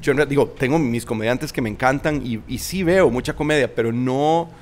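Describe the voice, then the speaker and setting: Brisk and mid-range, the voice belongs to a forties-aged man with a Costa Rican Spanish accent. He's a thoughtful guest in a casual veranda interview in the shade, restarting often, captured by a studio mic on a boom arm.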